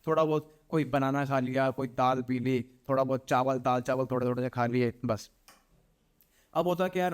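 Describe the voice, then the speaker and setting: A young man, a podcast guest, telling a horror story dramatically, repeating phrases and acting out voices. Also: fairly high pitch. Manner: animated, repetitive, acts out voices.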